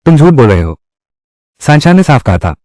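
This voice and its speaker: A man's voice: mid-range voice, sing-song, normal speed, darkish tone, no echo, studio quality. A man reading all the character lines of a dubbed drama in one voice. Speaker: voice-over reader of a dubbed drama.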